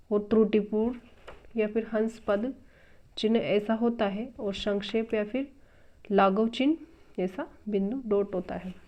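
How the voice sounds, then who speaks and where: A woman teaching a grammar lesson, patiently explaining step by step from a textbook and repeating each term. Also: medium pitch. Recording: dull lo-fi recording.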